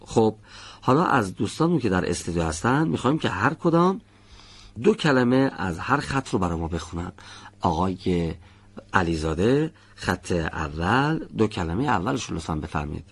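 Male tutor, lowish husky voice, dry close sound; patient studio lesson with slow repeated demonstrations. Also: sing-song, no room sound. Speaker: Quran recitation teacher. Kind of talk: classroom lesson on letter pronunciation.

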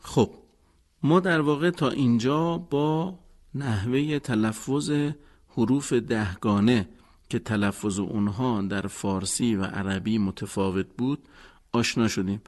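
Calm male instructor, steady lesson narration. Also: medium pitch. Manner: calm, methodical, explaining pronunciation. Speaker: teacher.

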